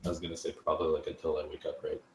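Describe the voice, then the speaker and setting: A man with a low-pitched voice talks casually as a tabletop game player. The recording is roomy and echoes around his words. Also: little pitch movement, racing, slight background noise. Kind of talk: casual chat.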